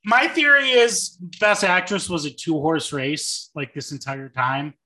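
A man's voice: fairly high pitch, unhurried, bright, forceful tone. A man co-hosting a podcast, talking casually about movies with enthusiasm and frequent swearing. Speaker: podcast co-host.

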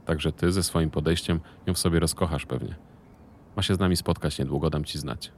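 A man voicing a cocky, short-tempered male business partner who talks loudly and mockingly and swears. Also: very deep voice, brisk, a little hiss or hum.

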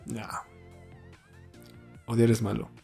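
A man's voice: mid-range voice, flat delivery, takes it slowly, creaky, mellow, soft background music. Laid-back Mexican man hosting a podcast. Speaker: podcast host. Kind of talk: casual chat.

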